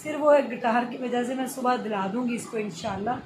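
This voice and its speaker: A woman's voice: on the high side, a little fast, background noise. A woman, vlogging casually and pleadingly from a small bedroom at night. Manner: soothing, pleading, says inshallah often. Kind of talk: casual vlog.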